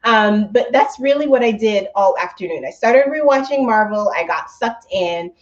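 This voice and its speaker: A slightly high, expressive, creaky voice at normal speed belongs to a woman in her thirties who hosts a travel company's weekly live stream from home. She's mildly stuffy from allergies, chatting upbeat and laughing often with viewers. The laptop microphone recording has its highs cut off.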